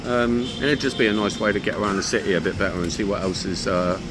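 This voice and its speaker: A man's voice: on the low side, steady tone, fast. A young British man talking casually to the camera as a travel vlogger, thinking aloud and calling everyone "mate". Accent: British English. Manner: chatty, thinking aloud, keeps saying "mate". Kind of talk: casual vlog talk to camera. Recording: loud street noise behind the voice.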